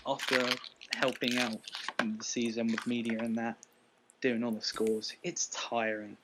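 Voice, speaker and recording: A man's voice: medium pitch, very noisy. Man presenting racing news casually. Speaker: guest presenter. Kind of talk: casual chat about racing.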